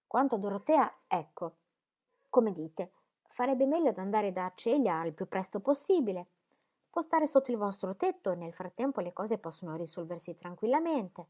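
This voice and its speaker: Woman reading as a mild, rambling old gentleman. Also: mid-range voice, animated, normal speed, lightly acted. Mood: placid. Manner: rambling, mild, keeps asking "capite?". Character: placid, stubborn older gentleman, rambling. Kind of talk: audiobook character reading.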